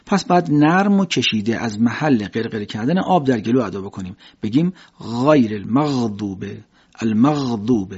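A man teaching the pronunciation of Quranic letters, explaining step by step and slowly demonstrating each sound. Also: mid-range voice, animated, a little mellow, husky. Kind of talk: pronunciation lesson. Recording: dull lo-fi recording.

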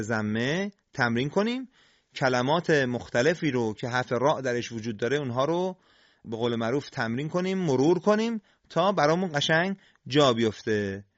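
A man teaching Quran recitation, explaining how letters are formed and slowly sounding them out to demonstrate. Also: medium pitch, a bit bright, no room sound, lo-fi sound. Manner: slow, deliberate, demonstrates sounds. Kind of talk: scripted instructional lesson on tajweed.

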